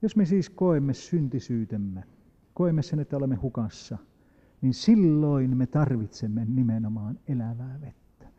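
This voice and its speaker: A man preaching a sermon, reading scripture slowly and rising into emphatic, loud appeals. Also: medium pitch, animated. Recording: dull lo-fi recording with long hall reverb.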